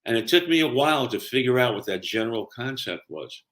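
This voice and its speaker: A man's voice: mid-range voice, animated, fairly quick, fairly bright tone. An older man with a Brooklyn, New York accent, explaining and telling personal stories conversationally as a career coach, emphatic and often checking in with the listener.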